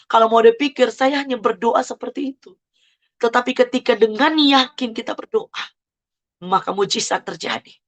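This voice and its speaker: A woman's voice: fairly high pitch, normal speed. A woman telling her conversion story as an emotional church testimony, fervent and exclaiming with frequent praise words.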